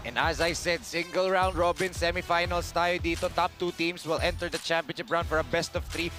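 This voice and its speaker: High-voiced Filipino male sports commentator. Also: fairly even intonation, brisk, sharp tone, soft background music. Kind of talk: broadcast game preview commentary.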